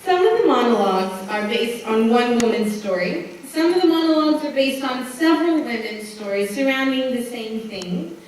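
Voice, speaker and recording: Young woman doing a lively monologue on stage, sounds distant from the mic, faint room noise. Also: on the high side, normal speed. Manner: lively, playful listing to an audience. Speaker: stage performer. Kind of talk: theatrical monologue performance. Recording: echoey hall, far from mic.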